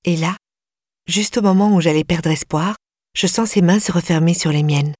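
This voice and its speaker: A woman narrating a novel in the first person, with a measured, intimate delivery that slows in tense passages. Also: on the low side, darkish tone, dry recording, studio quality. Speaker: audiobook narrator.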